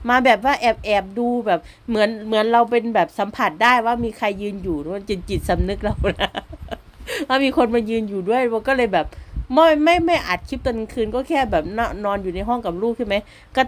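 A woman with an Isan Thai accent, a stay-at-home mother narrating her vlog as a casual voice-over, chatty and quick to laugh, often speaking straight to the viewers. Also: a little high, a little hiss or hum. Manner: chatty, keeps addressing viewers directly; laughs easily between remarks.

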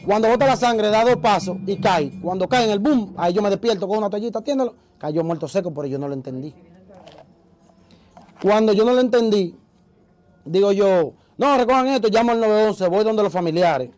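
A man, an interview guest telling a story in a casual, animated way and acting out the voices he quotes. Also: high-pitched, brisk, soft background music, rough recording.

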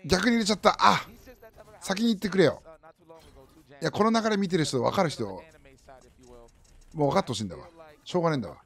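A man in his thirties with a fairly high, lively voice gives casual esports commentary. His remarks come short and often repeated, with plenty of movement in pitch. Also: fast talker, vocal fry, pauses often. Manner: clipped, repetitive short remarks. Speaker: livestream commentator. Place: indoor room, streamer's desk.

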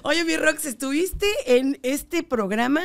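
High-voiced playful Mexican woman host. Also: slow. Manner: playful, teasing interjections. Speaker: podcast host. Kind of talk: casual chat. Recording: faint background noise.

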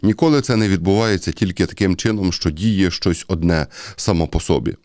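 A man's voice: low voice, a little fast, a little mellow, no room sound, studio quality. A man with a Ukrainian accent giving a conversational sermon-style Bible commentary, speaking directly to his listeners and often hesitating. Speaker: priest.

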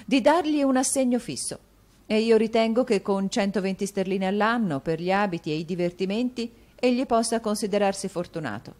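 A woman's voice: medium pitch, brisk, darkish tone, pitched above the performer's own voice, lightly acted. A woman voicing a firm, formal middle-aged wife who sets her husband's allowance. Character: stern but doting wife, dressmaker, middle-aged.

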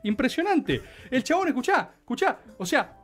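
Rioplatense guy telling a wild story, high voice swinging all over, laughs a lot. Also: normal speed, faint music behind. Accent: Rioplatense Spanish. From Argentina. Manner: animated, laughing, slangy. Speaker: podcast host. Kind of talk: comic storytelling chat. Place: radio studio.

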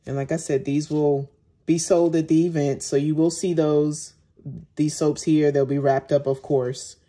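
Female maker-host, deep and soft-edged, talking casually through handiwork at an easy pace. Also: steady tone, measured pace. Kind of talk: casual narration while demonstrating. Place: indoors at home, at a work table.

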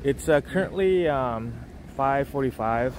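Animated yet measured in pace, a young man with a medium-pitched voice gives casual walking-tour commentary from a beach resort, talking into a phone on a gimbal. As a travel vlogger he rambles, restarting often and leaning on fillers, against a noisy backdrop.

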